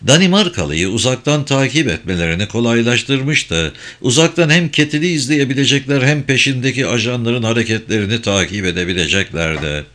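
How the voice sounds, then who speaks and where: A man narrating a thriller audiobook in a steady, measured reading voice. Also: medium pitch.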